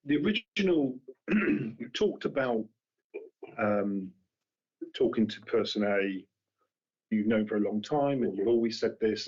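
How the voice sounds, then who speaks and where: A man with a lowish, husky voice puts questions at a council hearing, circling back and restarting as he thinks. The audio is dull and lo-fi. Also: darkish tone. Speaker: committee member. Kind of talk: formal questioning. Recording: dull lo-fi meeting room audio.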